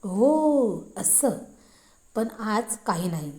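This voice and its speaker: A thrifty, coy robot housemaid, voiced by a woman narrator, speaks in a meek, deferential way in an audio storybook. Her talk is slow and unhurried, and her voice sits at a middling height. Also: medium pitch, big pitch swings, a little mellow, echoey room.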